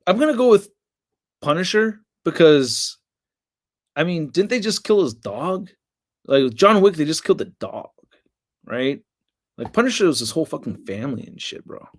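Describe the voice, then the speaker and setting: A man's voice: fairly high pitch, sing-song, normal speed, pauses often, no echo, clean studio sound. A man in his late thirties hosting a casual toy livestream, tired and yawning, rambling with crude jokes and lots of fillers. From United States. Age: late 30s. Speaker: toy reviewer and livestream host.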